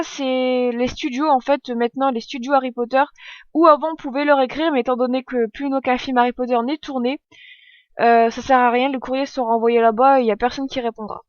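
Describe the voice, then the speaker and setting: A woman's voice: sits high, no room sound, dull audio. A woman in her twenties explaining a tutorial step by step in a chatty, self-correcting way. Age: 20s. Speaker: tutorial vlogger. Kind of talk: casual screen-recorded tutorial.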